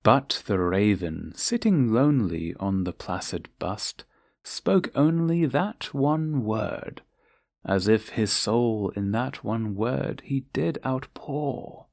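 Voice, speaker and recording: Slow, gravelly man reading gothic poetry. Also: lowish voice, animated, a little mellow, no echo, clean studio sound. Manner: solemn, theatrical, deliberate phrasing with long pauses. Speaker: poetry reader.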